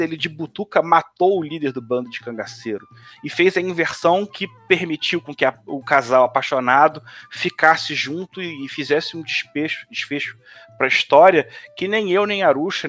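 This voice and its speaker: A tabletop game designer with a Northeastern Brazilian accent chats casually on a live stream, rambling and restarting often. His voice is a little high and fairly bright, he talks at a normal speed, and faint music plays behind him.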